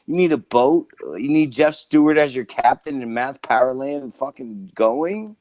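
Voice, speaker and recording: A man's voice: mid-range voice, lively intonation, moderate pace, a little mellow, no room sound. A man on a phone call ranting in a sarcastic, profane, exasperated way. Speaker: prank caller and channel host. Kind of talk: trolling phone call rant.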